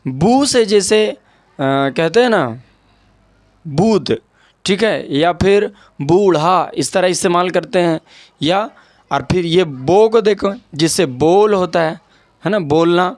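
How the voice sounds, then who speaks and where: A man teaching Urdu grammar. His voice sits a little higher than most men's, and he goes over each point patiently, repeating key words and checking in with the listener. The recording is dry and close, with no room sound. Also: animated, no echo. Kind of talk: explaining a lesson over an on-screen document.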